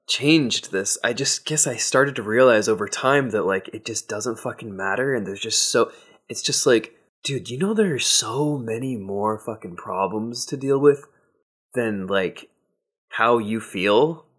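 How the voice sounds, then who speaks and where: A man's voice: on the low side, animated, measured pace, fairly bright tone, breathy edge. A man co-hosting a podcast in casual chat, with lots of swearing and filler words like dude. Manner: swears a lot, says dude and like. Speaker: podcast co-host.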